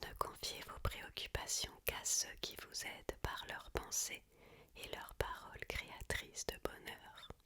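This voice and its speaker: An ASMR reader, a woman, whispers a book aloud in a hushed library tone throughout, lingering carefully and deliberately on each phrase. Her whisper has a bright, crisp edge.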